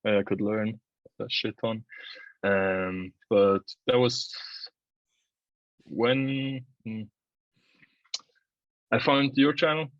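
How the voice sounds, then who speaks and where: A man in his early twenties from Switzerland, a videographer and agency owner, chats casually as an interview guest about his own experience. His voice is lowish and steady, extremely slow with frequent pauses. The recording is dry, with the highs cut off.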